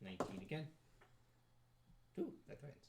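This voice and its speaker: A man's voice: medium pitch, huge pitch swings, normal speed. A man playing a tabletop game, casually calling out his rolls and joking. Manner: casual, rolls dice and counts aloud, laughs often. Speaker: player. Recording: echoey room with faint noise.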